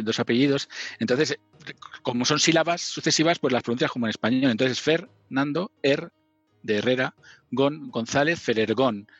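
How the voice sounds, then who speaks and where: A middle-aged man, chatting as an interview guest and poking fun at himself as he goes. His voice sits at an ordinary pitch. It comes through a dull, lo-fi line in a dry, dead-sounding room. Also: a bit bright, dry recording. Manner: chatty, self-mocking, often laughing and restarting. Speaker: podcast guest, former magazine writer. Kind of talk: casual interview storytelling.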